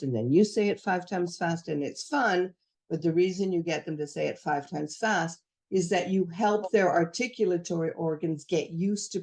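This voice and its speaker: Her deep, slightly mellow voice guides teachers through a professional development talk on reading lessons. She explains each step instructively and performs the lines she'd say to students.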